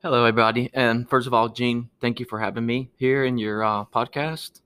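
Earnest Peruvian-born man, halting speech. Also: medium pitch, fairly even intonation, fairly bright tone, clean tone. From Peru. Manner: earnest, halting with many restarts. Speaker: guest, architect. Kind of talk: podcast interview.

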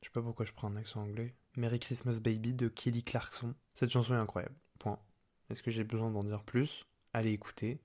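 Young male podcast host, playful and chatty, casual slang, average pitch. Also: level tone, fairly quick, darkish tone. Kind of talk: casual solo podcast chat. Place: apartment.

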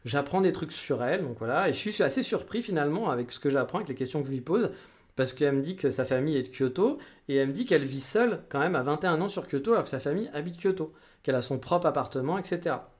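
Fast-talking man telling dating stories. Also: fairly high pitch, lively intonation. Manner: chatty, frank, many fillers and restarts. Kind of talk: casual storytelling monologue.

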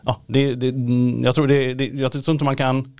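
A man's voice: mid-range voice, level tone, a little mellow, clear, resonant tone, no echo. A man co-hosting a podcast, explaining health topics hesitantly in casual chat. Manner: hesitant, many restarts and fillers, explanatory. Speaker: podcast co-host, health expert.

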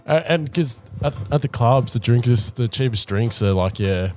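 Halting young man in casual chat. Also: mid-range voice, animated, a little mellow, faint music behind. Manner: halting, repeats words as he starts.

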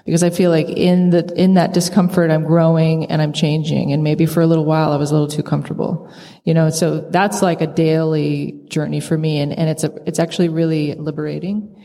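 Encouraging woman panelist, gravelly low voice, reverberant hall. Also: mellow. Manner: earnest, encouraging. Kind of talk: live panel discussion.

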